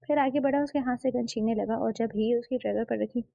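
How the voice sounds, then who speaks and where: Gravelly woman narrating a romance story. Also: fairly high pitch, brisk, mellow, no echo. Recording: slightly muffled lo-fi.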